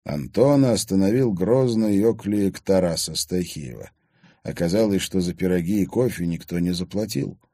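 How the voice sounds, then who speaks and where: A man narrating an audiobook in a steady, measured storytelling manner. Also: low-pitched, dry recording, studio quality.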